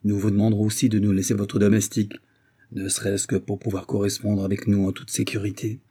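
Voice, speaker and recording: A grave old nobleman in an audiobook, as a male reader gives him voice. He speaks measured and a little worried. The tone is dark, low and husky. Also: monotone. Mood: earnest. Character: aged father, a worried French marquis.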